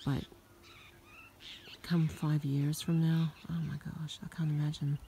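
A woman whispering a soft, awed nature ASMR vlog outdoors on her farm at dusk, recorded on a handheld phone. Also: sits low, little pitch movement, measured pace, a little hiss or hum. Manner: soft, hushed, reflective and awed. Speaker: farm vlogger.

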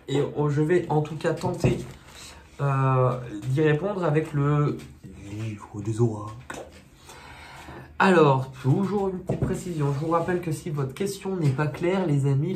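A man's voice: fairly high pitch, darkish tone. Male tarot reader, casual and chatty, hesitant with fillers, self-mocking; roomy echo, faint noise. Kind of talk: casual monthly tarot reading. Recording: echoey room, faint noise.

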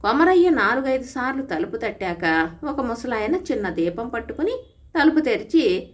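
A woman storyteller reading a moral folk tale in a steady, scripted narration. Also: on the high side, normal speed.

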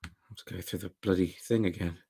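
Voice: steady tone, quick pace, creaky, mellow, husky. A streamer giving casual, sardonic and sweary reaction commentary on an old TV show, speaking into a desktop mic at home. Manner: sardonic and sweary, with big swings in pitch.

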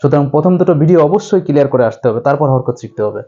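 A man teaching a step-by-step recitation lesson to viewers, drilling syllables slowly with much repetition. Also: on the high side, lively intonation, dark tone, muffled recording, slight background noise. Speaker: Quran reading teacher.

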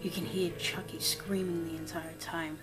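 A woman narrating a creepypasta horror story in a steady reading voice, going quiet and slow for the grim parts. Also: lowish voice, poor audio. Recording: narration over loud background music.

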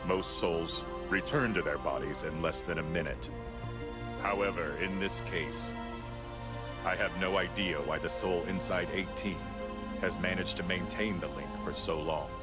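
An actor playing a huge, stoic male android in a video game, speaking in a grave, measured, formal way. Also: deep voice, loud music behind the voice, close to an everyday voice. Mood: calm, formal. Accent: American. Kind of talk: video game cutscene acting.

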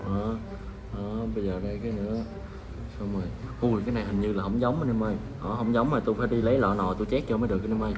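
A man's voice: on the low side, steady tone, very fast, background noise. A man hosting a casual prank vlog, talking chattily and straight to his viewers. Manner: chatty, addresses viewers directly. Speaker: vlogger.

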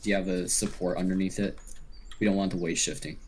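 A man leads a role-played rescue in voice chat. His voice sits a little low, and he gives practical, directive instructions with faint noise and typing behind him. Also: flat delivery, fast talker, a little mellow. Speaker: player acting as fire crew leader.

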